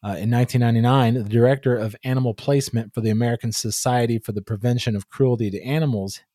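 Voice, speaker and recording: A man's voice: medium pitch, steady tone, fast, warm tone, dry recording. A man co-hosting a casual podcast chat, reading facts and teasing the others with dry humor. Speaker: podcast co-host.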